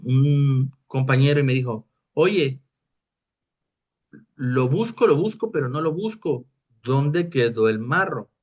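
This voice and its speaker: Male teacher, recorded lecture, explanatory, checks in with students often. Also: mid-range voice. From Mexico. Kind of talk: recorded lecture on technical writing.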